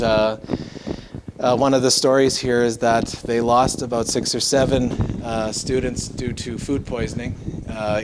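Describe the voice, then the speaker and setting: A man leads an informal ghost tour in a mid-pitched voice. He explains things conversationally and haltingly, feeling his way through each story. Clear background noise and clicks run through the recording.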